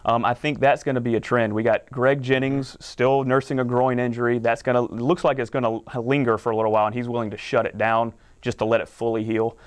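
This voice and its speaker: Man, fantasy sports analyst, fast talker, smooth clear voice, confident. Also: medium pitch, flat delivery. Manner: confident, rapid analytical explanations. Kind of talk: studio sports talk. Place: studio.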